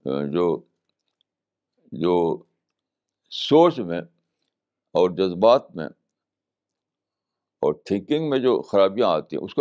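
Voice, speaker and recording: An older man with a low-pitched voice delivers a spiritual lecture at an unhurried pace. He repeats key phrases for emphasis and drops English terms into his speech. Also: a little mellow. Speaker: Islamic scholar giving a talk.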